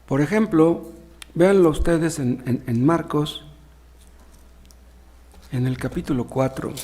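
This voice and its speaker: A man's voice: fairly high pitch, slow pace, dark tone. A man preaching a sermon, reading Bible passages aloud and explaining them in plain words with rhetorical questions. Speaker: pastor.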